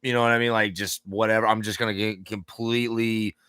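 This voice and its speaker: A man's voice: fairly low pitch, level tone, brisk, sharp tone, smooth, dry recording, studio quality. A man hosting a casual interview, rambling with many fillers and restarts and the odd swear. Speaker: podcast host.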